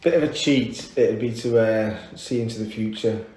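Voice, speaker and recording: A man with a Merseyside accent, a podcast guest talking candidly in a relaxed way, pausing often. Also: lowish voice, noisy background. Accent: Merseyside English. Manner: relaxed and candid, with pauses and fillers. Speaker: interview guest. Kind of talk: casual interview chat. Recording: echoey room.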